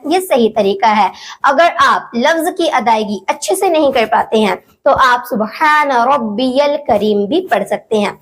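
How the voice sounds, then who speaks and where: A woman, teaching how to recite prayers and carefully drawing out each sound to demonstrate it. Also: high voice. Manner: careful, drawn-out demonstration of pronunciation. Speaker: religious teacher. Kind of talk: instructional talk on prayer recitation.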